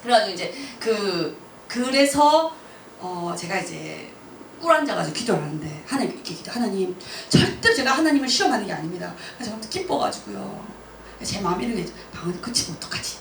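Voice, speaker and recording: A woman missionary telling a personal testimony at church, lively and laughing often as she acts out her own words. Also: mid-range voice, brisk, creaky. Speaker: missionary speaker. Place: church hall. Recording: roomy church hall, mic from a distance, faint noise.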